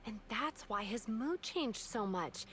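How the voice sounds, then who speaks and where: A composed female investigator who lays out the case in a steady tone. Her voice sits fairly high. A faint hiss lies underneath. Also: slow pace. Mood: determined.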